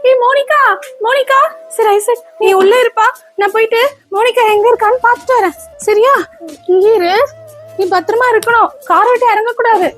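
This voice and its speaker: Woman acting stern stepmother, very high voice, bossy, skit with light music behind. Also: normal speed. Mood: panicked. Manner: bossy, scolding commands. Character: strict, scolding stepmother, adult woman.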